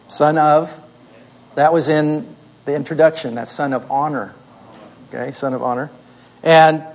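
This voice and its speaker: On a rough recording, a male instructor with a slightly high voice teaches a class. He leads the students through a story step by step, asking questions and then answering them himself.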